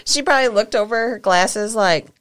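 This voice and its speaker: A woman's voice: medium pitch, brisk, clear, resonant tone. A woman co-hosting a podcast, teasing and blunt in casual chat.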